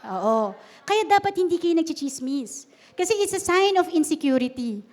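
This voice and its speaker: A woman's voice: sits high, big pitch swings, normal speed, a little mellow. A woman preacher giving a humorous, conversational sermon at a church service and often asking the congregation questions.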